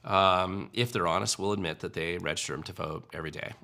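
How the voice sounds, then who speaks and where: A low-pitched man with a gravelly, bright edge to his voice answers viewer questions on a livestream. His talk is casual and wry, full of ums and restarts. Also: fairly quick. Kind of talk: casual political commentary livestream.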